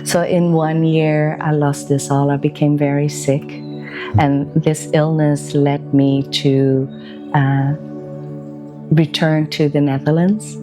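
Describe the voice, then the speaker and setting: A woman in her forties from Belgium speaks in a low, even voice that barely rises or falls. She talks slowly and gently, pausing between thoughts like a documentary narrator. Music plays clearly beneath her voice-over. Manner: slow, gentle and reflective, with pauses. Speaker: wellbeing practitioner.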